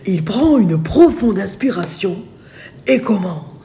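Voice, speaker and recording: Woman reading a bedtime tale, sultry and soothing, really unhurried, mellow voice. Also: mid-range voice, lively intonation, a little hiss or hum. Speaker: storyteller. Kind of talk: soft scripted bedtime story narration.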